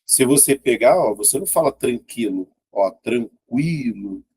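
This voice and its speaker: A man's voice: medium pitch, expressive, quick pace, a little mellow, husky. A man with a Brazilian Portuguese accent teaching an exam-prep grammar lesson in a casual, chatty way, often pointing things out and checking in with his students.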